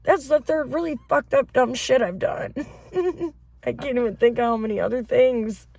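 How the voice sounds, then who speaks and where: Her voice sits on the high side and sounds gravelly, at a normal speed, captured close and dry without echo or room sound. A podcast co-host from Flint, Michigan, she spins a wild story in casual conversation, laughing, cursing freely and telling it with lots of animation.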